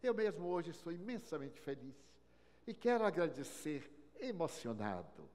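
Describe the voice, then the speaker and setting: An older man giving an inspirational lecture, telling stories with wry humor and big swings between loud and soft. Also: on the high side, very animated, moderate pace. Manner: storytelling with wry humor, sweeping swings in loudness. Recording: long reverb of a large hall.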